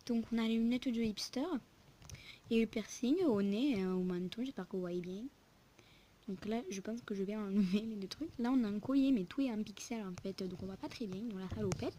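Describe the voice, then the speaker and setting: A young woman hosts a casual commentary on a game lookbook, rambling informally and interrupting herself. Her mid-range voice is brisk and warm, and the poor recording has noise and clicks.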